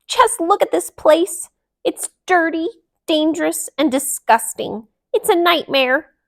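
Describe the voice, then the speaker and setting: A woman's voice: very high-pitched, lively intonation, slow, creaky, pitched above the performer's own voice, full character voice. A woman voicing a bossy, demanding female duck in a children's storybook, emphatic and commanding. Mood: indignant, bossy.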